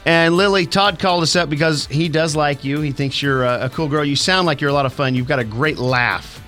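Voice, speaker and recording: A man's voice: on the high side, fairly quick, pushed and bright, faint music behind. A man hosting a radio dating segment, joking and upbeat in casual banter. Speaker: radio show host.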